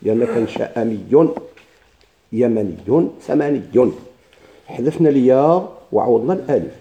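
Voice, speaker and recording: Male grammar teacher, Moroccan Arabic accent, very dark tone, medium pitch, patient step-by-step explainer. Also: expressive, moderate pace, slight background noise. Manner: explains step by step with rhetorical questions and repetition. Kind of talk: classroom grammar lesson.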